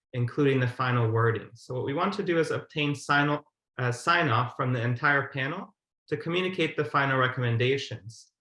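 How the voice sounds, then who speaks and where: Speaking as a webinar presenter on a video call, a man with a medium-pitched, fairly bright voice gives a formal, methodical explanation. He is in an indoor room, and the audio is roomy and echoey.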